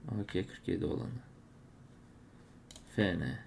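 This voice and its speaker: A man's voice: sits low, animated, measured pace, vocal fry, darkish tone, slight background noise. A man narrating his case openings as he plays, grumbling and exclaiming whenever he loses. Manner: frustrated, exclaiming at losses. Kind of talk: live commentary while opening cases.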